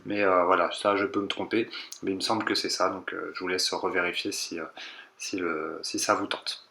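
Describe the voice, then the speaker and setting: A man calmly walking viewers through a technical car procedure step by step, repeating instructions and hedging his own interpretation. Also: low voice, moderate pace, gravelly. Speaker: car tech tutorial maker. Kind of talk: step-by-step voice-over tutorial.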